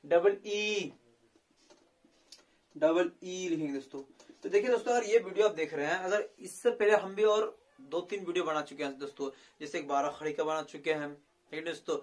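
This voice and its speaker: A man teaching a spelling lesson who keeps calling his viewers friends and draws out each sound as he spells it. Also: fairly high pitch. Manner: addresses viewers as friends over and over, slow drawn-out spelling.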